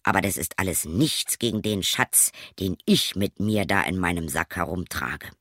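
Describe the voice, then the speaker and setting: A man's voice: low-pitched, normal speed, a bit bright, no echo, clean studio sound. A man voicing a bold, proud young craftsman in a fairy tale, speaking raised and emphatic. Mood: boastful.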